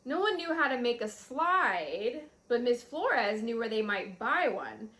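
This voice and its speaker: Slightly high-pitched and a bit slow, a woman reads a children's picture book aloud in an expressive storytelling manner.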